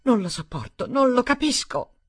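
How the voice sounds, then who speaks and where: A woman's voice: mid-range voice, animated, a little slow, dry recording, clean studio sound, pitched above the performer's own voice. A woman reading the part of an upset young woman in an audiobook, rising to emotional outbursts. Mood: distressed.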